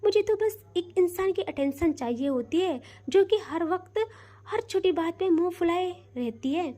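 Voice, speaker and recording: A woman's voice: extremely high pitch, expressive, normal speed, warm tone. A woman voicing a playful, affectionate young woman who teases and coaxes her upset wife. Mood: tender. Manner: teasing, sweet-talking.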